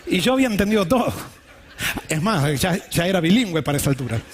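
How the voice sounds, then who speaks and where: A man's voice: sits high, very animated, quick pace, slight background noise. A male pastor, preaching a sermon and telling a candid personal story.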